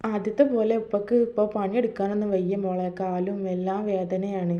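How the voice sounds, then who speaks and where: A woman's voice: medium pitch, flat delivery, a little fast, mellow, natural voice. A woman voicing a poor, tired, kindly aging father who talks wearily and coaxingly, in a dull lo-fi recording. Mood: weary. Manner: weary, coaxing.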